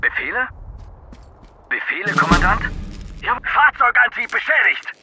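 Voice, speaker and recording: High, animated German artillery crewman. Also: measured pace, very noisy, exaggerated voice. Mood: urgent shouting. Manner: clipped, urgent military delivery. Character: keen German WWII artillery and tank crewman. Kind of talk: military game unit barks. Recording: loud music and battle gunfire behind.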